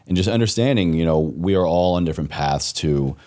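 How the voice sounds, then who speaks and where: A man hosting a podcast, chatting with a guest in an affirming manner, quick to laugh and often murmuring agreement. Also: low voice, animated, dark tone. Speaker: podcast host. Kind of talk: casual interview conversation.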